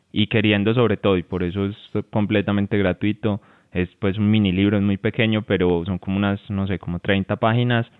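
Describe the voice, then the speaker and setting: A man co-hosting a relationship advice talk, relaxed and often restarting his phrases. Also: low voice, clean tone, no room sound. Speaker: co-host and relationship coach. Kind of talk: casual advice talk to viewers. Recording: tinny phone-like sound, dry.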